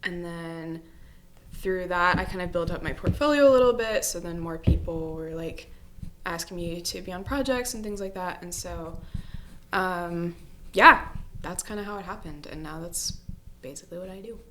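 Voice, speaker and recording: A woman's voice: on the low side, normal speed, fairly bright tone, slight background noise. A young woman chatting as a podcast guest, casual and easygoing, with lots of small fillers. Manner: chatty, laughs easily, trails off with fillers. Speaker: guest, compositor.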